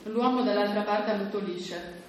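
A woman reads a story aloud in a steady, measured voice of medium pitch. The room is strongly reverberant, and a faint noise sits under her voice. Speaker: reader at a book presentation. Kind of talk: literary reading aloud. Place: hall at a book presentation.

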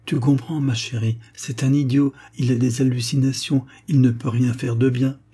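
Storybook role: worried elderly father, earnest, husky as a male reader puts him on. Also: mid-range voice, level tone, moderate pace, mellow, pitched above the performer's own voice, natural voice. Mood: insistent. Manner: fretful, earnest. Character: anxious old blind father.

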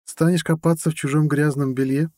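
A man reading an audiobook, voicing a playful, teasing young woman, the narrator's girlfriend, in a lighter, higher voice. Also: steady tone, fairly quick, mellow, no echo, clean studio sound, natural voice. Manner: light, teasing, giggly speech.

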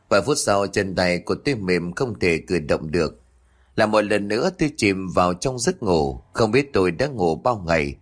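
Male audio-story narrator, low voice, measured and earnest. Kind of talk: scripted narration of a ghost story.

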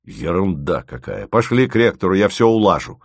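A man voicing an excitable, pushy male boss who exclaims and shouts. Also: deep voice, moderate pace, gravelly, dry recording, clean studio sound, heavily acted. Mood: excited.

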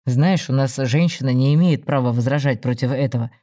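A man's voice: medium pitch, steady tone, warm tone, natural voice. A man voicing a smug self-assured husband. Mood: placating. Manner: slow, soothing, self-justifying. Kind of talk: audiobook story reading.

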